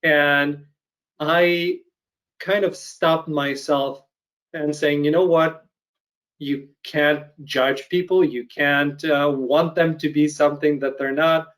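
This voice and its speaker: A man's voice: on the high side, steady tone, fairly bright tone, low-quality recording. Thoughtful man from Ukraine, video call. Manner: thoughtful, measured, hesitant with fillers. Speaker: podcast host. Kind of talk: casual interview chat.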